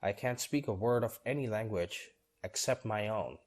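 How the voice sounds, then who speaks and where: A man reading both parts of short scripted dialogues for English learners, steady and measured. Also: fairly low pitch.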